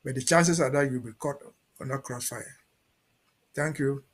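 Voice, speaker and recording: A man's voice: mid-range voice, moderate pace. A man speaking as a barrister guest in an interview, giving an emphatic, cautionary statement.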